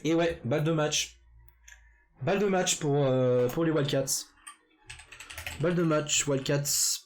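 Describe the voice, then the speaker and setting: A man casting a live esports match, chatty and loose, filling gaps with fillers and fixing his own slips as he goes. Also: on the high side. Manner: chatty, full of fillers and quick self-corrections. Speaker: esports caster. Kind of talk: live game commentary.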